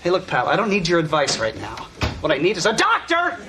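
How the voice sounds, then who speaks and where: A man's voice: a little high, wildly swooping pitch, fairly quick, crowd noise, noisy background. An irate, short-fused father. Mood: furious. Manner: belligerent, shouting complaints. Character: irate father stuck waiting, short-tempered man. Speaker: waiting-room patient's father. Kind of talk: sitcom acting.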